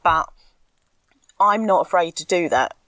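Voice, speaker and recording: A woman's voice: on the low side, animated, a little slow, fairly bright tone, no room sound. A woman co-hosting a podcast in casual chat, candid and a little ranty, laughing often. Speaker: podcast co-host. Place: outdoors in a garden.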